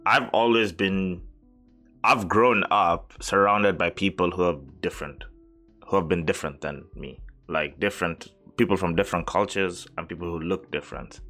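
A man with a deep voice and a bright, forceful edge chats casually on a podcast. He rambles and leans on fillers as he talks, with faint music underneath. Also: moderate pace. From Kenya. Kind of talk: casual chat.

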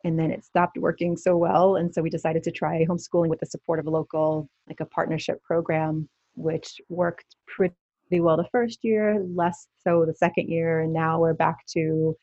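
A woman from Brooklyn with a New York accent, a podcast guest talking in a relaxed, friendly, rambling way. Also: deep voice, moderate pace, no room sound. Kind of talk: casual interview chat. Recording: dull, dry remote audio.

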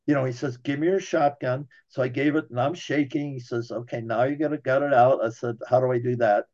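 A man's voice: mid-range voice, fairly even intonation, brisk, a little mellow, dull audio. A man casually telling a personal story in a folksy way, talking straight to his listeners.

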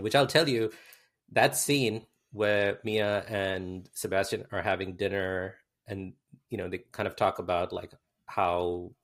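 A man's voice: fairly low pitch, vocal fry, fairly bright tone. A man talking casually in a film discussion, explaining his view and quoting dialogue in his own voice.

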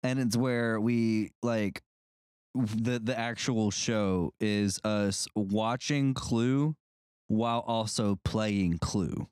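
A man's voice: lowish voice, fairly even intonation, slow, darkish tone, smooth, no room sound, studio quality. Man stammering through a podcast plug. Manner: stammering restarts, blunt, swearing. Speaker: podcast co-host. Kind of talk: casual chat.

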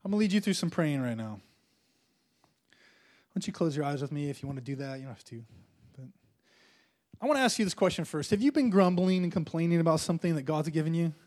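A man's voice: a little high, lively intonation, fast, pauses often, a little mellow. A male preacher delivering a sermon and leading the congregation in prayer, with fervent call-and-response and lines repeated for the room to echo.

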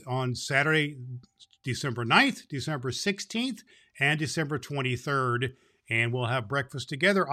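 A man playing Santa Claus as a jolly, hearty old man, hosting and reading to children in a folksy, slightly halting way. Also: fairly high pitch, sharp tone. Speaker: host and story reader. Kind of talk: children's holiday podcast talk and story reading.

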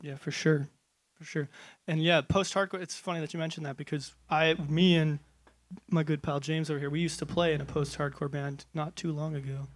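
Young male musician, a bit high-pitched, relaxed rambling answers. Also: fairly quick. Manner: easygoing, rambling, friendly. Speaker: band member, interview guest. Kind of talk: casual interview answers.

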